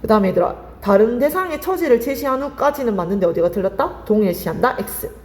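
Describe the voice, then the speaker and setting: A woman's voice: a little high, lively intonation, fast talker, a little mellow, big-room sound. A woman teaching Korean literature for exam prep, firing questions at her students and answering them herself. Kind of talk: lively exam-prep lecture.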